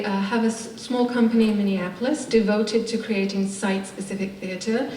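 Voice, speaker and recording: In a conference room, a theatre maker with a medium-pitched, darkish voice gives a panel presentation in an English accent. Of Turkish Cypriot immigrant background, she uses articulate, academic language, hesitating now and then. The recording is echoey, distant, and noisy in the background.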